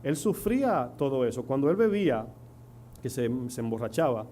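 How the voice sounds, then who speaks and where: A man's voice: medium pitch, sing-song, normal speed, warm tone. A middle-aged man with a Dominican accent preaching a sermon, telling stories and asking the congregation rhetorical questions. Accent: Dominican Spanish. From Dominican Republic. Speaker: pastor. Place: church. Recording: faint hum and noise.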